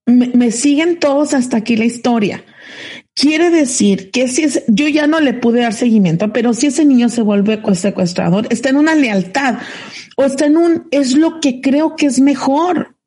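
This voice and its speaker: Mexican woman, co-host, mellow tone, chatty storyteller who restarts often. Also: high-pitched, moderate pace, slightly rough. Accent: Mexican Spanish. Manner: animated anecdote telling with restarts. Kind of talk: casual storytelling chat. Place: remote call from home.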